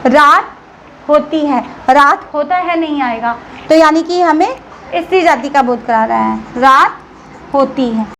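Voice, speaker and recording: A woman's voice: high-pitched, unhurried, fairly bright tone, slight background noise, poor audio. A woman school teacher giving a grammar lesson to children, patiently asking questions and answering them herself.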